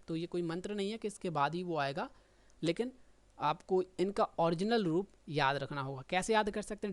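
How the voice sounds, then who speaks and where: A man, going through students' stenography test results and correcting their mistakes one by one. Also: high-pitched. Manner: explanatory, corrective, addresses students by name. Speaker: stenography teacher. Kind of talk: result analysis lesson.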